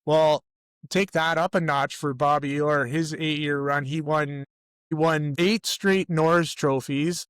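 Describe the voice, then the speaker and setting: A man's voice: a little high, fairly even intonation, measured pace, fairly bright tone, clean tone, no echo. A middle-aged Canadian man co-hosting a casual sports podcast, rambling and correcting himself as he tells stories. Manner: rambling, self-correcting storyteller. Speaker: podcast co-host.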